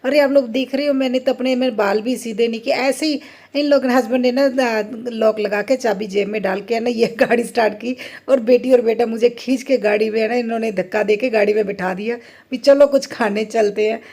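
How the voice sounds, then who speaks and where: A woman's voice: fairly high pitch, steady tone, brisk, darkish tone. Chatty middle-aged woman. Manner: chatty storyteller, often laughing, playfully indignant. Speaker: family vlogger. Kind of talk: casual vlog chat.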